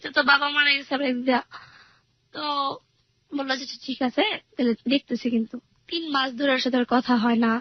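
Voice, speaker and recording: Fast-talking high-voiced woman. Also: no room sound, dull audio. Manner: earnest, rambling retelling with many fillers. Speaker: guest telling her life story. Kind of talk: personal storytelling interview.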